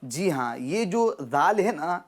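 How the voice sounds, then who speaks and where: A man teaching children Quran pronunciation, patiently checking understanding and drawing out syllables slowly when he models them. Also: on the high side, very animated. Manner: patient, repeats "theek hai?" to check understanding. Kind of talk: children's Quran recitation lesson.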